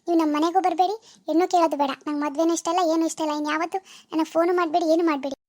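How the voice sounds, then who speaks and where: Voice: very high-pitched, steady tone, rapid-fire, dry recording. A woman playing a hurt young village woman who bitterly turns down her deceiving lover on a phone call. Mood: reproachful. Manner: reproachful, refusing, bitter. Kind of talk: amateur phone-call drama.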